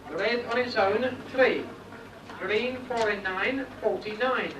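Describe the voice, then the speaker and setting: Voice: mid-range voice, takes it slowly. Bingo caller, calling numbers, distant and echoing, background noise. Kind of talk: bingo calling, numbers announced over a hall PA. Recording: echoey distant muffled hall PA, noisy.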